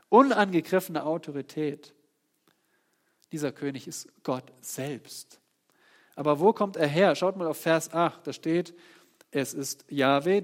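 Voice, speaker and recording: A man preaching a sermon on a psalm. He swings between loud, emphatic peaks and quiet, low passages, and he asks rhetorical questions and answers them himself.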